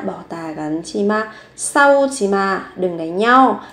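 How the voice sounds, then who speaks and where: A woman teaching Korean vocabulary, slowly repeating each word and example sentence. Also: mid-range voice. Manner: slow, careful repetition of each word. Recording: echoey room.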